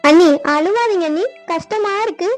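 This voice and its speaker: Emotional, pleading village women in a cartoon, voiced by a woman. The voice is very high, almost childlike, and every line leans on feeling. The sound is dry and close, with no room around it. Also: moderate pace, no echo, faint music behind. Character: adult village women, sisters and wives. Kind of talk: cartoon dubbing.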